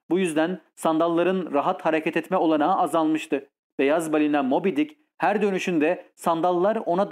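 A man narrating an adventure audiobook in a steady, measured storytelling voice. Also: a little high.

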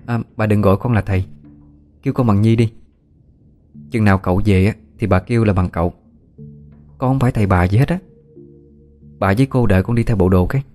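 A man's voice: lowish voice, brisk, pauses often, a little mellow, faint music behind, lightly acted. A man voicing a young spirit medium who speaks politely and matter-of-factly.

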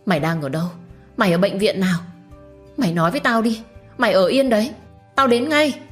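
A woman's voice: mid-range voice, a little fast, faint music behind, voice pushed up, close to an everyday voice. A woman voicing a worried young best friend who speaks urgently over the phone and at a hospital bedside in a read-aloud story. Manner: urgent and anxious.

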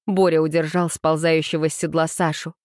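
A woman narrating a story in a steady, measured audiobook reading. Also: sits low, no echo, clean studio sound.

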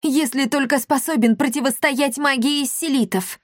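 A woman's voice: high-pitched, moderate pace, no echo, studio quality, voice pushed up, natural voice. Woman doing a defiant young hero. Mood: curt. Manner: defiant, shouting. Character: bold young man, a hidden heir.

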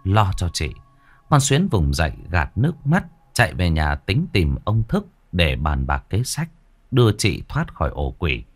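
A man narrating a ghost story in a dramatic, expressive way. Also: deep voice, a little slow, breathy edge.

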